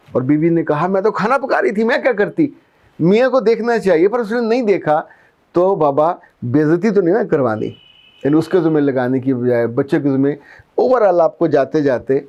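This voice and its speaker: A man's voice: on the high side, darkish tone. A man with a Pakistani Urdu accent giving earnest life-coach advice to viewers and explaining it through everyday examples.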